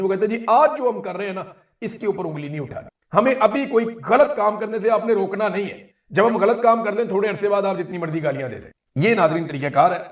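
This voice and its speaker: A man from Pakistan giving a political commentary monologue to viewers, emphatic and insistent, hammering home his points by repeating them. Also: a little high. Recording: roomy echo, mic at a distance.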